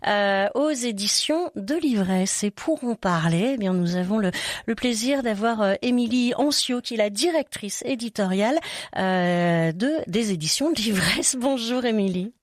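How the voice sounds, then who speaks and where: A woman, a radio host introducing guests, halting and searching for her words. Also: medium pitch, expressive, no room sound, clean studio sound.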